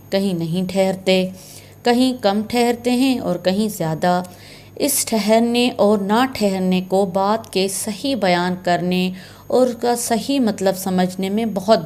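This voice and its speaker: A woman's voice: medium pitch, darkish tone. A woman teaching Quran recitation signs in a patient, step-by-step way, repeating key terms. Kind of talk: slow explanatory lesson.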